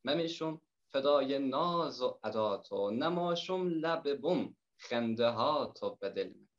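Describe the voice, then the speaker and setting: A soft-spoken man with a Herati accent recites his verse in dialect, his voice sitting at an ordinary pitch. The sound is dull and lo-fi, like an online call. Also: animated. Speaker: poet and reciter.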